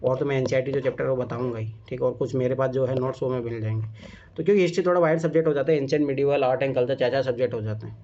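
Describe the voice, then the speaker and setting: A man's voice: medium pitch, fairly even intonation, rapid-fire, mellow. A man teaching a casual exam-prep class, talking emphatically and checking often whether his students follow. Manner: emphatic, repeats "theek hai?" and "samajh mein aaya?". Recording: dull lo-fi classroom recording.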